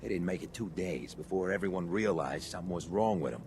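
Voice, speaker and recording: A deep-voiced, scornful watchman. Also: fast talker. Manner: colloquial, scornful, swaggering. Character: cocky, hard-bitten, scornful neighborhood watchman. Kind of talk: video game character acting. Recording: clear background noise, game ambience.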